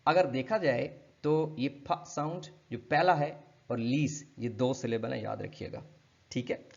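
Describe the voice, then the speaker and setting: A man giving a linguistics lecture, explaining step by step and repeating example words slowly. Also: medium pitch, creaky, a little mellow. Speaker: linguistics teacher. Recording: dull lo-fi recording.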